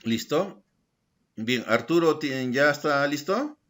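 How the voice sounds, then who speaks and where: A man teaching a secondary school language lesson in an online class, explaining slowly and checking in with his students by asking short questions. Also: fairly high pitch, animated, fairly bright tone. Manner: slow, deliberate explaining, tag questions to students.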